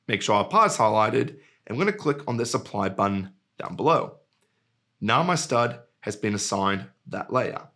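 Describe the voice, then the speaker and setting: A man walking through a screen-recorded software tutorial in a relaxed, jokey way. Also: lowish voice. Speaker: software trainer.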